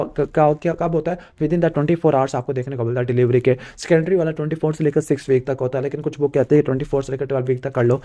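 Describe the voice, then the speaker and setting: Guy from pakistan doing quick revision notes, asks himself stuff then says clear, warm low-key voice. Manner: asks himself rhetorical questions, ticks off points with "clear"; rattles through memorized lists. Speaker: medical exam tutor. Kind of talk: fast exam revision lecture.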